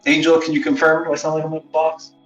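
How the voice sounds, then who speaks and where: Man, boxy sound like inside a box, distant phone mic, fairly high voice, rambling and muttering, faint music behind. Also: completely flat delivery, quick pace, fairly bright tone, dull audio. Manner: rambling, swearing, self-mocking, often muttering under his breath. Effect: boxy speakerphone sound, as if inside a box. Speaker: live streamer. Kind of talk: casual live stream chat. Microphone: phone used as a wireless webcam mic. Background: faint background music.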